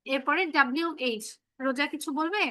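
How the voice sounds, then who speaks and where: A woman's voice: sits high, normal speed, fairly bright tone, no room sound. A woman teaching children English phonics in an online class, patiently repeating example words and checking that they follow.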